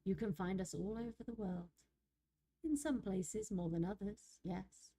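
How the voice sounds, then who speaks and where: A woman voicing a poetic nature spirit who narrates slowly and softly in storybook fashion. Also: mid-range voice, expressive. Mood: wistful. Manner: slow, soft, lingering storybook narration. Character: dreamy, poetic nature spirit of a moonlit forest glade. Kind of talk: reading a fantasy story aloud on stream.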